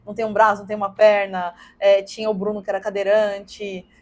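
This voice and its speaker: A woman's voice: medium pitch, little pitch movement, a little fast. A woman in her thirties with a Brazilian Portuguese accent, a podcast guest and gym coach telling a personal story in an earnest, emotional way, repeating words for emphasis.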